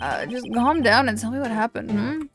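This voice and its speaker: A genial older law-firm boss with a soothing manner, voiced by a woman. The voice sits a little high. Faint game music runs underneath. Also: moderate pace, natural voice.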